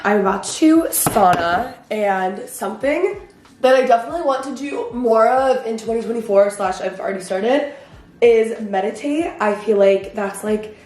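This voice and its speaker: Young female vlogger, casual and self-mocking, somewhat high voice, roomy garage echo. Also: moderate pace, a little mellow, a little hiss or hum. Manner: chatty, filler-heavy, self-mocking. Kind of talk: casual vlog chat. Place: home garage.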